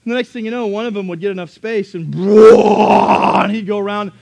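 Animated, high-voiced male preacher. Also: moderate pace, creaky, slight background noise. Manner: animated storytelling, bursts into shouts. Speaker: pastor. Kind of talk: sermon.

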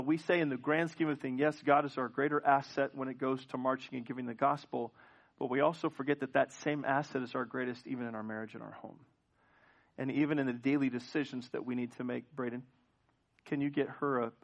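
A man's voice: medium pitch, fairly even intonation, fairly quick, vocal fry. A male pastor preaching a sermon in a church, asking the congregation questions and often restarting his sentences. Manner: frequent restarts and repeated words. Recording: dull lo-fi church recording.

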